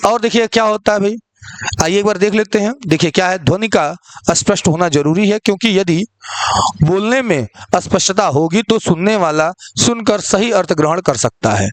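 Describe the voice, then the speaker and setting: A male teacher with a fairly high voice talks through an online lecture. He keeps asking the class questions and answering them himself, checking in often. The sound is dry and close, with no room echo. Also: expressive, normal speed. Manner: repeats "ठीक है" often. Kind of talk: online exam-prep lecture.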